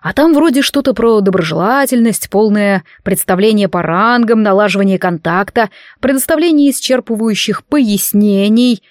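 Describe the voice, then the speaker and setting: Woman voicing a calm male werewolf. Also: medium pitch, normal speed, few pauses, no room sound, clean studio sound, lightly acted. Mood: explaining. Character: calm steady adult male werewolf, protective.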